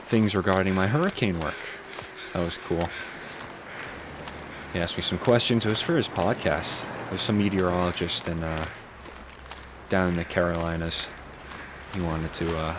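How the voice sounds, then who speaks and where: A man giving calm, unhurried game commentary, musing to himself in a low voice fresh from sleep. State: morning voice, recently woken. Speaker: gaming channel host. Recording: clear steady background ambience noise.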